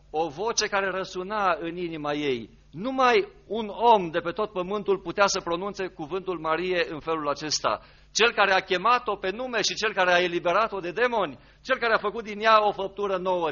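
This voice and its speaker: A man preaching a sermon, dramatic, rising to loud emphasis and dropping to hushed, low passages. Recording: dull lo-fi recording.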